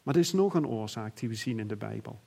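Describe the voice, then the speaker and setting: A middle-aged man preaching a sermon in an earnest, reflective way, often pausing and restarting. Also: lowish voice, animated, creaky, mellow.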